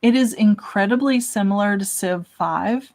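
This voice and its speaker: A woman's voice: medium pitch, normal speed, darkish tone. A young woman hosting a casual livestream, chatting and answering questions from chat in a self-deprecating way.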